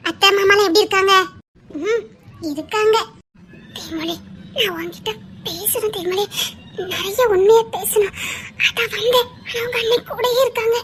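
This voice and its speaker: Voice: very high voice, fairly even intonation, normal speed, long pauses, noisy background. A performer playing an emotional young woman with a Tirunelveli Tamil accent, who pleads with her friend and teases her.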